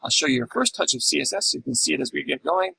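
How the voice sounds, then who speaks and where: A man's voice: a little high, sing-song, very fast, gravelly, bright, forceful tone, slight background noise, low-quality recording. A middle-aged man teaching a class in a recorded lecture, explaining step by step and asking and answering his own questions. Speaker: instructor.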